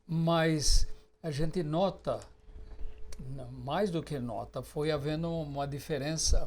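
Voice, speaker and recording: A man hosts the conversation as interviewer. His voice sits a little high for a man. He talks conversationally and drops in short agreeing words while his guest speaks. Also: a little mellow. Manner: conversational, brief affirmations. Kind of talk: interview questions.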